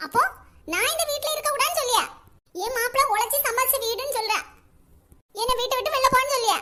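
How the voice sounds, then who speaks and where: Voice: very high-pitched, quick pace, pushed and bright. A performer voicing a weepy, self-pitying elderly mother-in-law in a cartoon, speaking with a Kanyakumari Tamil accent in a wailing, martyred way. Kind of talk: cartoon voice acting.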